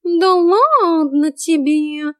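A woman voicing a sly, fawning male talking house cat in an audiobook, stretching words out high and loud. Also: animated, very slow, heavily acted. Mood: gushing. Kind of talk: audiobook character voice.

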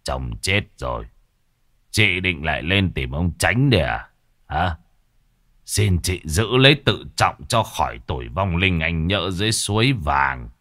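A man voicing a gruff, scornful older village man who talks low and hushed, in a spoken ghost story. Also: very animated, normal speed, full character voice.

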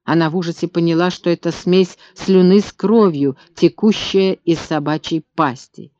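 A man reading an audiobook in steady, tense scripted narration. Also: fairly high pitch, normal speed, dry recording. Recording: dull lo-fi dry recording.

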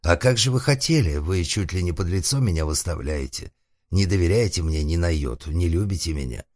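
A scheming, ardent storybook suitor played by a man in his own deep voice, solemn and quick to take offense. His tone stays low and heavy. The recording is dry and close. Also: lively intonation, darkish tone, no echo. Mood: wounded indignation. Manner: earnest, mock-solemn, indignant. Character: cunning wooden-boy suitor, ardent and calculating.

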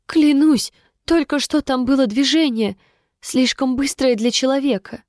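A terrified young soldier pleads in a breathless half-whisper, his voice pushed up high, as a woman puts him on. Each word comes out urgent and shaky. The recording is close and dry. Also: a little slow, a little mellow, no room sound. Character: frightened young male soldier, panicky.

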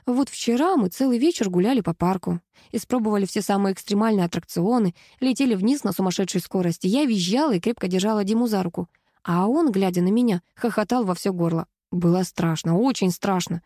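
Female audiobook narrator, expressive first-person read, mellow tone, dry close mic. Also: medium pitch, brisk, dry recording.

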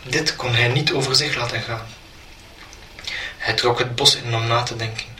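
A man reading a short story aloud in an even storytelling manner. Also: mid-range voice, moderate pace. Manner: flat, even storytelling delivery. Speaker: narrator. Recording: roomy, distant mic, faint noise.

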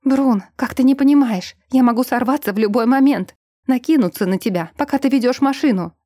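An agitated young vampire woman, voiced by a woman reading an audiobook, torn between fear of herself and indignation. The voice is mellow and low in brightness. The sound is dry and close. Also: fairly quick, dry recording, lightly acted. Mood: distraught.

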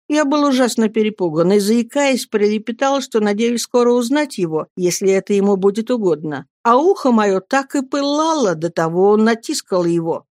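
Audiobook narrator, steady and even, middle voice, dry close sound. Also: medium pitch, no echo. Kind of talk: audiobook reading of a classic novel.

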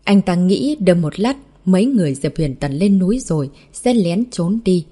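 A woman reading a martial arts novel aloud in a steady narration voice, voicing every character in the same plain tone. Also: lowish voice, moderate pace, breathy edge. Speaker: audiobook narrator.

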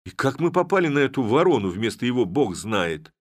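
A man voicing frightened village watchmen who plead and complain in excited, raised voices. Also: medium pitch, brisk, voice pushed up. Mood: agitated pleading.

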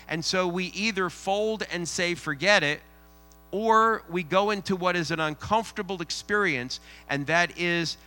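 A rabbi delivers a sermon in a synagogue, his voice bright and somewhat higher than most men's. He preaches conversationally, tossing out rhetorical questions and paraphrasing scripture in plain, everyday speech.

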